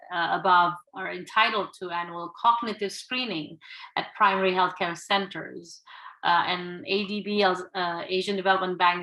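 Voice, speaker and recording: A woman from Indonesia gives a conference lecture, pausing often with fillers and restarts. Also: fairly low pitch, bright, forceful tone, low-quality recording. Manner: halting, many fillers. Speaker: conference speaker.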